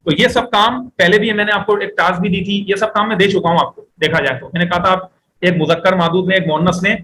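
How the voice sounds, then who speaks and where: A man teaching an Arabic class, explaining step by step, asking the students questions and reading phrases slowly for them to repeat. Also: sits high, steady tone, bright, forceful tone, slight background noise, poor audio. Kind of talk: classroom lecture.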